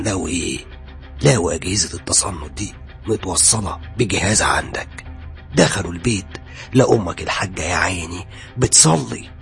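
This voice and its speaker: An actor playing a menacing police interrogator who taunts and threatens a suspect in an audio drama. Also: male voice, deep voice, vocal fry. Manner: taunting, sarcastic, sudden shouts. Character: menacing male police interrogator, mocking and cold. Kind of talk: audio horror drama acting.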